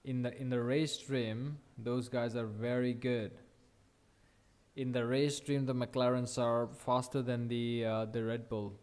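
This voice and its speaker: Excited man doing live race commentary. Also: mid-range voice, a little slow, hardly any pauses, clean tone. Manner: excited, swearing, thinking aloud. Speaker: watch-along race commentator.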